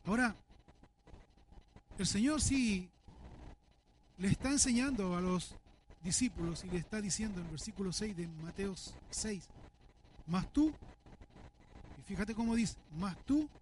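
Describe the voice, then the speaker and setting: A man's voice: sits high, normal speed, long pauses, slight background noise. A man preaching a sermon, earnest and full of rhetorical questions. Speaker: pastor.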